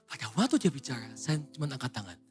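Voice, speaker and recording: A man's voice: mid-range voice, sing-song, quick pace, faint music behind. Dramatic young male youth pastor preaching. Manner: dramatic swings from loud exhortation to hushed confession. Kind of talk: youth sermon with personal testimony. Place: church hall with live music.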